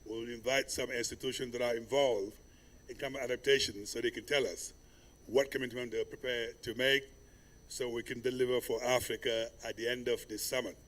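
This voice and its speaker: A man from Senegal moderating a climate summit panel, speaking in a measured, ceremonial way in a conference hall. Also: mid-range voice, steady tone, a bit bright.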